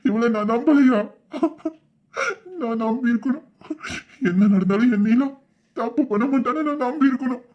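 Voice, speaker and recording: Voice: mid-range voice, normal speed, long pauses, lo-fi sound, natural voice. A performer playing a sobbing young man. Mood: remorseful sobbing. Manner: sobbing, pleading, self-reproaching. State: crying. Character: young man grieving and begging forgiveness. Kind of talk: Tamil audio drama acting.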